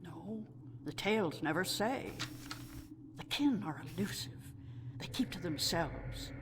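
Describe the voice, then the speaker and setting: A woman playing a sweet, gentle old female storyteller of a non-human tribe in a video game, speaking in a measured way. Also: fairly low pitch, expressive. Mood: wistful, reverent. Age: older. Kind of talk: scripted video game dialogue. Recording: echoing hall reverb, clear background noise.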